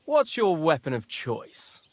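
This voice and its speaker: Cheerful sword trainer in a game, high voice, slow and bouncy. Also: male voice, wildly swooping pitch, exaggerated voice. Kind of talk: video game voice acting.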